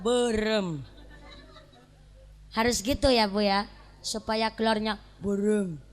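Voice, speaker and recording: A woman preacher with a Banyumasan ngapak accent, giving a humorous sermon to a congregation and telling lively stories. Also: medium pitch, measured pace. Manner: lively storytelling, mimics voices and mixes local dialects for jokes. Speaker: female Islamic preacher.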